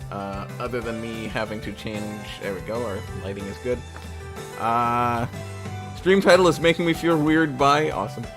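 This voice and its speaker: Joking around with viewers while he streams a game live, this man speaks in a mid-range voice at a moderate pace. It's casual stream chat captured on a desk microphone, with background music.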